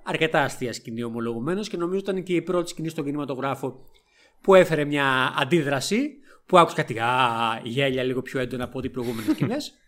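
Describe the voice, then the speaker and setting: A man with a Greek accent, co-hosting a podcast and recapping a film in a casual, animated way. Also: a little high. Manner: lively storytelling recap with frequent laughs. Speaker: podcast co-host.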